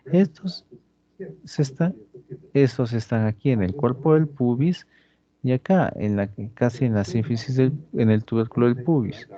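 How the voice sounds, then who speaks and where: A man teaching anatomy over a dissection in a slow, deliberate way, constantly checking that the students follow. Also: mid-range voice, mellow, muffled recording. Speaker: anatomy instructor. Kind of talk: lecturing during a dissection demonstration.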